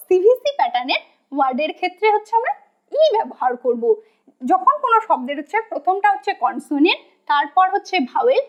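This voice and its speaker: A woman teaching English phonics, spelling out words letter by letter at a slow, patient pace and asking questions she then answers herself. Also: high voice, fairly bright tone. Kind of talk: phonics lesson. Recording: dull lo-fi sound.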